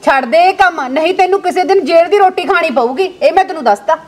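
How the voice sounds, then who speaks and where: A sensible, no-nonsense village sister, acted by a woman in a homespun family drama, with a Malwai Punjabi accent. Her very high voice lays down the law in a firm, lecturing way. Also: fast, darkish tone. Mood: stern. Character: sharp, sensible village sister, young adult.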